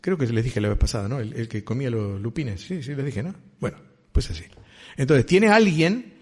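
A man's voice: medium pitch, lively intonation, moderate pace, breathy edge. A man preaching a sermon with a Rioplatense Spanish accent, talking conversationally and asking his listeners questions. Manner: conversational, asks the congregation questions.

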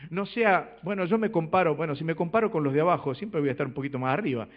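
A man preaches, his fairly high voice rising to loud exhortation and dropping to soft asides. He keeps asking the congregation rhetorical questions. The church recording sounds dull and lo-fi. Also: fast. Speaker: pastor. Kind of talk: sermon.

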